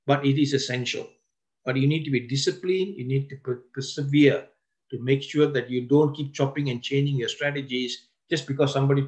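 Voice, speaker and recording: Man giving a seminar lecture. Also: medium pitch. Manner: slow, stressed key words with frequent restarts. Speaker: seminar presenter.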